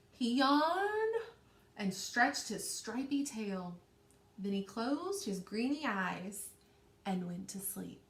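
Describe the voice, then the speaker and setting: Reading a storybook aloud to children the way a teacher would, a woman stretches key words expressively and asks questions. Her voice is fairly high and fairly bright. The sound is roomy and echoes like an indoor space.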